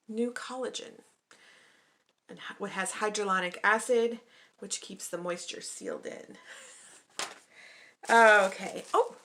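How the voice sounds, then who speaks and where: Upbeat young female vlogger, bright voice, relaxed unboxing chat. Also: mid-range voice, gravelly, slight background noise. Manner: chatty, upbeat, often says she is excited.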